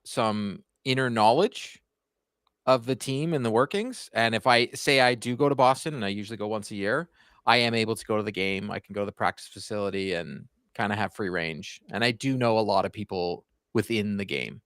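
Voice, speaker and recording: Guesting on a podcast, the hockey YouTuber, a Canadian in his forties, talks fairly quickly in a lowish, smooth, slightly bright voice. He rambles about his channel, restarting sentences and leaning on fillers, and the studio sound is clean with no echo.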